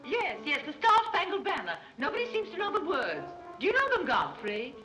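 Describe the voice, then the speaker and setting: A woman's voice: high voice, wildly swooping pitch, a little fast, poor audio. An actress playing a scatterbrained middle-aged society mother in 1930s screwball comedy banter, rambling and dithering. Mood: flighty curiosity. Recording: old 1930s film soundtrack, music behind.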